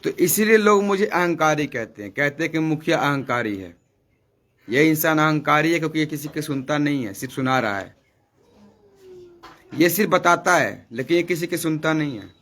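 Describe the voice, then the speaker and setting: A man delivers a devotional sermon to his viewers in a fairly high, bright and forceful voice. He scolds his listeners and hammers home his points by repeating rhetorical questions. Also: expressive, moderate pace. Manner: repeats lines for emphasis. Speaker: spiritual speaker. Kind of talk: devotional preaching on a live stream.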